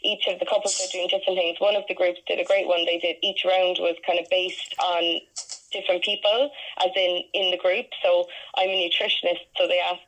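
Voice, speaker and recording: A woman's voice: fairly low pitch, flat delivery, brisk, fairly bright tone, rough recording. A woman with a Cork Irish accent in casual conversation as a quiz setter on the radio. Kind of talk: casual chat.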